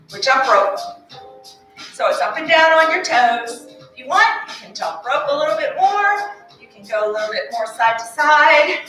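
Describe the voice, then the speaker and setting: A woman leads an exercise class, calling out moves and encouragement while she works out herself, a little out of breath. Her voice is high and bright. She is recorded from a distance in a very echoey studio with faint music behind. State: slightly out of breath. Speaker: fitness instructor. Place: carpeted studio.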